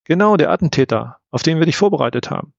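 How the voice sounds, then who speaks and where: A man's voice: a little high, lively intonation, fast talker, gravelly, no room sound, voice pushed up. A man reading an audiobook, voicing a blunt, matter-of-fact male detective. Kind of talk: audiobook character voice. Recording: dull, slightly lo-fi.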